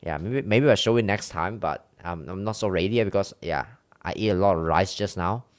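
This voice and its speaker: A man with a Chinese accent and a low voice chats briskly and casually with his viewers during a live stream. He rambles candidly and keeps restarting his sentences, and there's no room sound.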